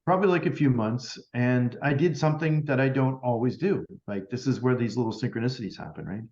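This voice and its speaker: This man, a medium appearing on a podcast, shares a story in easygoing chat, performing both voices in each conversation and saying "like" a lot. He talks briskly at a medium pitch with a slightly mellow tone, and the sound is roomy and a bit dull.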